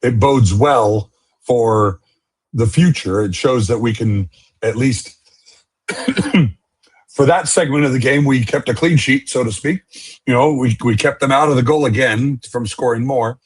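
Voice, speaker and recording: A man's voice: mid-range voice, a little slow, breathy edge. A male podcast co-host in a casual sports chat, easygoing and given to joking asides.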